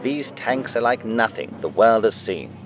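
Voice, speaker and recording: Low-voiced man narrating a war newsreel. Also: big pitch swings, unhurried. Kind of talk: scripted wartime newsreel narration. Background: music under the narration.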